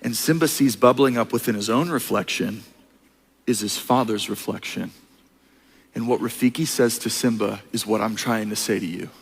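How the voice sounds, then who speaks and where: A man's voice: lowish voice, moderate pace, gravelly, husky, big-room sound. A man preaching a sermon in a church, retelling a story earnestly and building toward his point.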